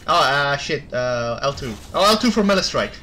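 A man playing a video game with a friend, joking around, laughing and shouting at the action. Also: mid-range voice, lively intonation, moderate pace, slight background noise. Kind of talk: casual gaming chat.

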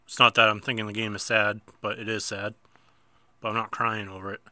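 A man's voice: lowish voice, level tone, a little fast, pushed and bright, no echo. A man with a stuffy nose chatting casually through a mobile bowling game, mocking himself and bursting out at his misses. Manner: chatty, self-mocking, sudden outbursts at misses. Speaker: gameplay video host.

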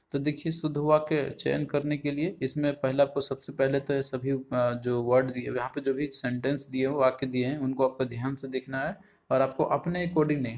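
A man's voice: mid-range voice, a little mellow. A man giving an online exam-prep lesson, reading each answer option aloud and explaining it in a repetitive, explanatory way. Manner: explanatory, repeats each option aloud, frequent fillers like "aapka". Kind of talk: online lesson walking through exam questions.

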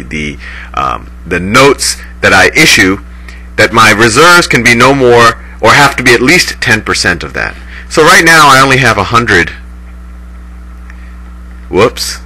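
Lecturer man in low-quality streamed audio. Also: sharp tone. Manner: explains step by step, restarts and self-corrects. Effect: poor-quality sound, like a low-grade stream. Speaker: teacher explaining banking. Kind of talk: recorded lecture, thinking aloud.

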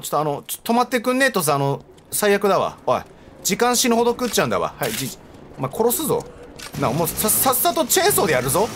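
A man commentating his gameplay, joking and yelling at characters on screen. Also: sits high, background noise. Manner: animated, joking, talks back at the screen. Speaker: let's play streamer. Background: game music.

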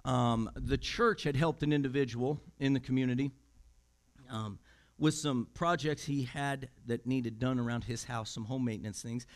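A man's voice: mid-range voice, fairly even intonation, moderate pace. A man with a Midwestern American accent preaching a conversational sermon, telling a story and acting out the voices of the people in it. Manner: conversational, acts out quoted voices, repeats words when starting. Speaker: pastor. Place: church sanctuary.

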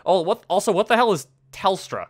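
A man's voice: sits high, animated, a little fast. A man hosting a casual commentary video, reading online posts aloud with a friend and laughing often. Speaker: channel host.

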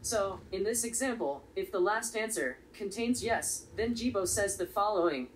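A woman presenting a step-by-step coding tutorial in a steady, explanatory way. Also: mid-range voice, moderate pace. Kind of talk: step-by-step software tutorial narration. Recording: slightly distant voice with faint background noise.

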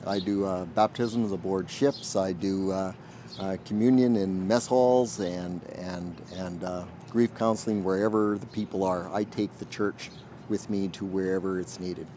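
Brief: male chaplain in his forties, thoughtful and searching for words, low and warm, outdoor interview. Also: fairly even intonation, slight background noise. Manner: earnest, thoughtful, pauses often to find words. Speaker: military chaplain and minister. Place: outdoors in a garden.

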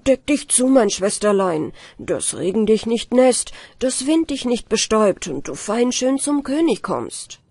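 A woman voicing a devoted young coachman who speaks tenderly to his sister, in a breathy voice. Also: medium pitch, sing-song, unhurried, mellow, no room sound, full character voice. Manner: tender, pleading.

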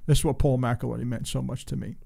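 A man's voice: mid-range voice, fairly even intonation, fast talker, gravelly, warm tone, breathy edge. A man in his sixties from Long Island, New York, a former race car driver telling rambling stories as a guest and acting out the voices he quotes. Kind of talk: casual storytelling interview.

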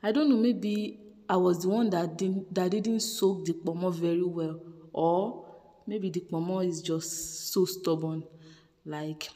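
A woman's voice: on the low side, steady tone, unhurried, mellow, long reverb tail. A woman chatting through a home cooking vlog voice-over, repeating words for emphasis. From Nigeria. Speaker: cooking vlogger. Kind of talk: casual voice-over narration.

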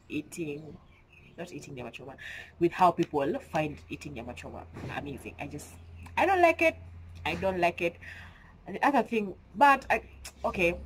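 Young Kenyan woman vlogger, low-voiced, stuffy-nosed, emphatic and chatty. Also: a little hiss or hum, rough recording. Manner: chatty, mixing in Swahili slang, emphatic. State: stuffy nose from a cold. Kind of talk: casual chat to camera. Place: at home.

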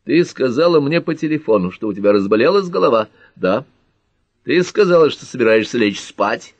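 A man voicing a jealous, hot-tempered young man in an audiobook, accusing and shouting. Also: medium pitch, big pitch swings, a little slow, breathy edge, dry recording, lo-fi sound, voice pushed up, full character voice.

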